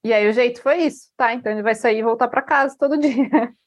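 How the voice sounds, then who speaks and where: High-pitched woman, writer answering questions, easygoing and plain-spoken. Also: quick pace. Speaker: author being interviewed. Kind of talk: conversational interview.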